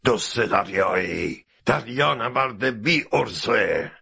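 A man voicing a hot-tempered ship captain in a storybook reading, shouting raised and high. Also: breathy edge, full character voice. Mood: furious. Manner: shouting angrily, then calmer.

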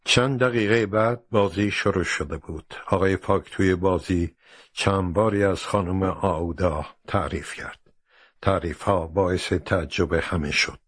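A man narrating a storybook in a steady, measured way. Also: low voice, husky, no room sound, clean studio sound.

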